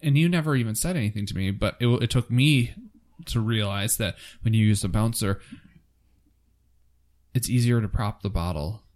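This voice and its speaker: A man's voice: fairly low pitch, normal speed, a little mellow. A tired young man, a new father of twins, chatting casually on a podcast and rambling with lots of fillers. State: exhausted, yawning. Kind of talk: casual chat.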